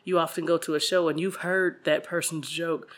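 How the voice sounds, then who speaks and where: A woman who does stand-up comedy, chatting casually on a podcast in a playful, animated way. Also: sits low, moderate pace. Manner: animated, laughs often, playful.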